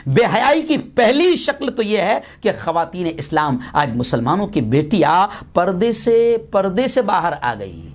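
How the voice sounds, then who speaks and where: An impassioned male preacher with a high, ringing voice delivers a fiery sermon. He repeats phrases for force and climbs into shouted exhortations, with a lilt. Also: very animated, few pauses.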